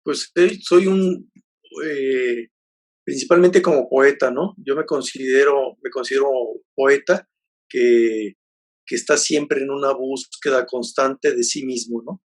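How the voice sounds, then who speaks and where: A Mexican man in his fifties, a poet and novelist, talking reflectively in an interview with many pauses, fillers and restarts. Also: mid-range voice. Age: 50s.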